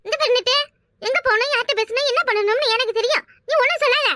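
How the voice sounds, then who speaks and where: A woman voicing a brash, quarrelsome village woman in a cartoon, talking loudly and boastfully. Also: very high voice, fast talker, no room sound, clean studio sound. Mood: defiant. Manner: loud, boastful, argumentative. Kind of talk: cartoon voice acting.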